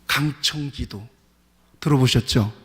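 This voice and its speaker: A man's voice: mid-range voice, unhurried, fairly bright tone. A male pastor preaching a sermon, leading his congregation in call-and-response. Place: church sanctuary. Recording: long church hall reverb.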